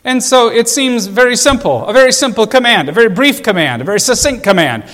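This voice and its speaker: A man's voice: very high voice, lively intonation, fast, fairly bright tone. A male pastor preaching a sermon in a church, emphatic and repeating phrases for stress. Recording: long church reverb.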